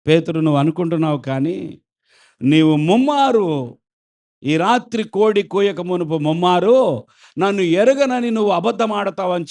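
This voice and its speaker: A pastor preaching a sermon, asking the congregation questions and acting out the quoted voices. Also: male voice, high voice, a little mellow.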